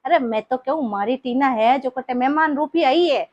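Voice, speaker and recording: A woman with a Marwari accent playing a middle-aged mother-in-law who speaks slowly and drawn out. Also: high voice, dull audio, lightly acted. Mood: scornful. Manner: slow, scolding then soothing. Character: doting, defensive middle-aged mother-in-law, later remorseful.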